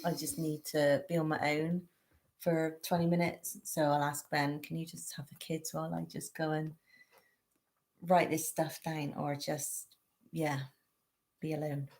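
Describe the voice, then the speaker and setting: A woman with a Bristol accent co-hosting a relaxed teaching talk on relationships, gentle and matter-of-fact. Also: low voice, measured pace. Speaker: co-host. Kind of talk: casual teaching chat.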